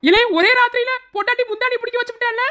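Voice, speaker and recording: A woman's voice: very high voice, steady tone, very fast, pushed and bright. A woman voicing a fussy old village grandmother in a cartoon, with a Madurai accent, scolding and wailing dramatically. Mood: nagging. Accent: Madurai Tamil.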